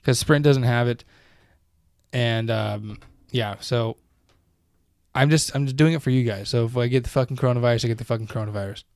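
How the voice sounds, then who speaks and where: A man's voice: mid-range voice, fairly even intonation, brisk, a little mellow, clear, resonant tone, no echo. A man co-hosting a podcast in casual, rambling chat, swearing freely. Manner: loose, profane and rambling. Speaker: podcast co-host. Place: home.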